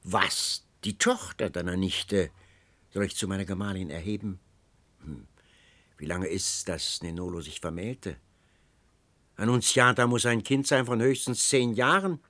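A man's voice: low voice, measured pace, bright, forceful tone, dry recording, voice pushed down. A man reading aloud, voicing an eighty-year-old Venetian doge who grumbles and cuts in impatiently, in a storybook reading. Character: aged male Venetian doge, gruff and impatient.

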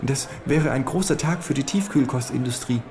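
Man voicing a small fat male executive, falsetto, high-pitched, stammering, fawning. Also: moderate pace, background noise, close to an everyday voice. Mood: eager, flustered. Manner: stammering, repeats words.

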